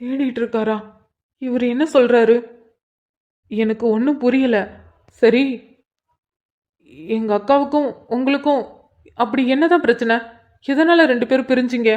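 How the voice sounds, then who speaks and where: Lady doing a young guy, curious, keeps questioning, kinda high, muffled lo-fi sound. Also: steady tone, unhurried, long pauses, a little mellow, close to an everyday voice. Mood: puzzled. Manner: questioning, thinks aloud. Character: young man, curious probing younger brother. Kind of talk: storybook cartoon voice acting. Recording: dull lo-fi sound.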